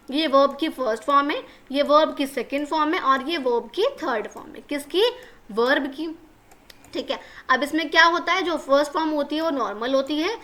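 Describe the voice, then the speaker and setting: A high, bright-voiced woman teaches a lesson to children. She speaks, patiently repeats every point and keeps asking her pupils whether they understood. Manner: patient, repeats each point, asks the class questions.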